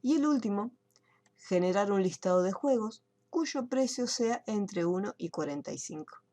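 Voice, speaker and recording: A woman's voice: medium pitch, expressive, normal speed, warm tone. A woman teaching an online computer class, explaining each step and checking in with her students. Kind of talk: screen-share software tutorial.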